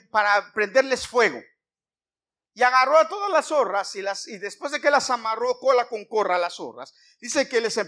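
A man preaching a sermon, retelling a Bible story in a lively way and putting questions to his listeners. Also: extremely high pitch. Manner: animated, asks the listeners questions.

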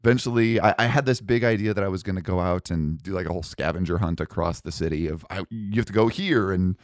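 A man's voice: deep voice, fast talker, no room sound, studio quality. A young man hosting a casual podcast, chatting and telling stories about himself in a self-deprecating way. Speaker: podcast host. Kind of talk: casual chat.

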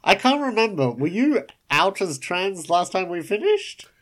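An American woman co-hosts a casual podcast with playful, joking asides. Her pitch moves widely as she talks, rising and falling freely. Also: very animated. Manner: playful, quick with jokes and asides. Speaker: podcast co-host. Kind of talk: casual chat.

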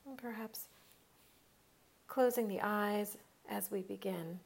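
A woman guides a meditation soothingly and without hurry, leaving long pauses between short phrases. Her medium-pitched voice is creaky, a little mellow, and slightly rough.

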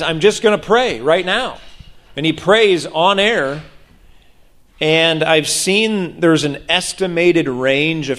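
Male preacher, fairly high-pitched, animated storyteller who acts out voices, sermon delivery. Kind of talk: sermon on prayer.

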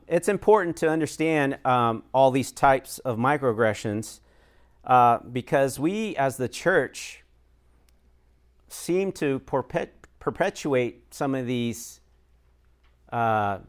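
Speaking at medium pitch, a U.S. man who is a pastor and chaplain keeps things relaxed and conversational during a church discussion. His pauses are filled with "uh" and "um," punctuated by light laughter.

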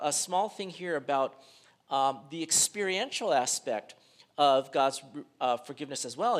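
A pastor preaching in a conversational, unpolished way, his slightly high voice full of fillers and self-corrections. He acts out quoted speakers, often sinking to a quieter, lower voice for emphasis. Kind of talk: sermon.

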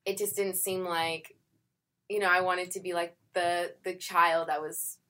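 A woman's voice: lowish voice, little pitch movement, a little slow, bright, forceful tone. A young adult actress, chatty and full of filler words, who acts out her own past thoughts while telling her story in an interview. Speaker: actress guest. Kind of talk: casual conversational interview.

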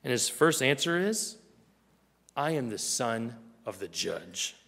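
A male pastor preaching a sermon earnestly, acting out small scenes in a quieter voice. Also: medium pitch, very animated, slow pace, creaky, in a large hall.

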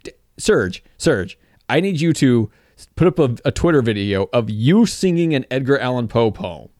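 A man's voice: mid-range voice, very animated, normal speed, a little mellow, no room sound, clean studio sound. A man co-hosting a podcast in casual comic banter, playful and full of questions. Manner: playful, questioning back-and-forth. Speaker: podcast co-host.

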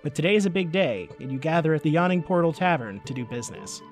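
A man narrating a fantasy tabletop game as its game master. His voice sits a little high, and his narration is descriptive and playful. Light music plays faintly behind him. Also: lively intonation, quick pace.

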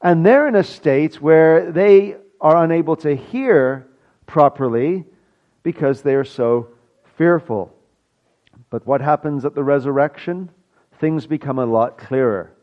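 A male pastor preaching a sermon in a conversational way, with asides and filler pauses. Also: fairly high pitch, muffled recording.

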